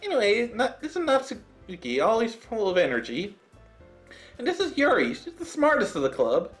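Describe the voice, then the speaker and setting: A man playing a bubbly, excitable teen girl in a game, pitched way up in a bright falsetto and bouncing all over the place. She gushes and never sits still. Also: normal speed, soft background music. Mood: excited. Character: bubbly cheerful teenage girl.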